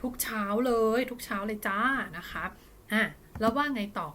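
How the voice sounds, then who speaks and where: A Thai woman teaching an online English lesson, speaking English slowly and carefully between quick, chatty explanations. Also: mid-range voice, a bit bright.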